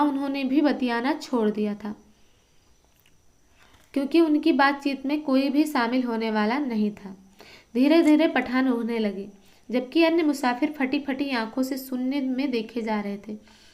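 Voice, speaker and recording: A woman teaching Hindi literature who reads a story aloud and stops to explain it for exam students. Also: high voice. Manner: reads a passage, then stops to quiz and explain.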